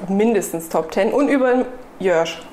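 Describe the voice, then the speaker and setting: A woman's voice: medium pitch, unhurried, dark tone. A woman from eastern Germany, a guest in a casual interview, giving short cheerful answers. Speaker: guest, new player. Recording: echoey room with faint noise.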